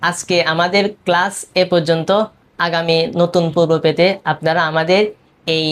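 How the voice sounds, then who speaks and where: A woman's voice: on the low side, flat delivery, normal speed. A woman teaching a beginners' language class, explaining letter rules step by step and repeating each example word several times.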